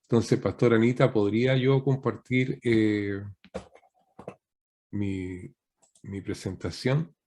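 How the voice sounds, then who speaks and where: Over a video call, a guest pastor preaches a teaching sermon in a slightly mellow, lowish voice, speaking slowly with long pauses. He asks rhetorical questions and often closes his points with a questioning tag.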